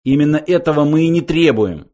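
Guy doing a pompous cranky old philosopher, pitched up, loud. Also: lively intonation, moderate pace, natural voice. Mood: indignant. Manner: pompous, exasperated. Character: indignant older male philosopher, pompous and irritable.

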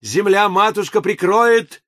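A man voicing a reckless, defiant young woman in an audiobook, speaking high and loud. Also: animated, unhurried, no room sound, clean studio sound.

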